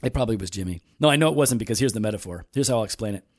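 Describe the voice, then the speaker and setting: A man's voice: lowish voice, animated, very fast. Man, forties, podcast co-host, jokey but sincere Bible teacher. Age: 40s. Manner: teasing, jokey, then earnest teaching. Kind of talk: casual faith discussion.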